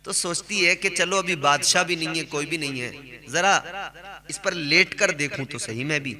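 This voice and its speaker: A man's voice: on the high side, in a large hall. A man preaching a sermon and telling a story, drawing out words and repeating phrases with sing-song emphasis.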